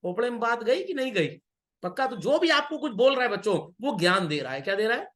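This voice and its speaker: A man's voice: very high-pitched, very animated, brisk, fairly bright tone. A middle-aged man teaching business studies in an online class, mixing Hindi and English and playfully teasing and checking on his students. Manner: teases and scolds students playfully.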